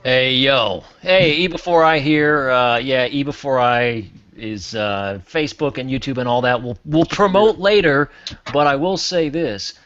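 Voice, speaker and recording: A man's voice: mid-range voice, a little slow, fairly bright tone, no echo. A man guesting on a casual group podcast, hamming up jokes about himself. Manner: jokey, hammy self-promotion. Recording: dry, muffled online call.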